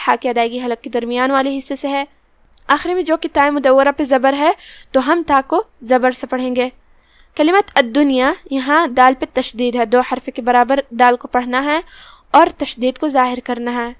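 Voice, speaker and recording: Woman, recitation teacher, high voice, smooth, dry close sound, careful step-by-step explaining, slow drawn-out reciting. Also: no echo. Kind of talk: tajweed lesson with slow recitation.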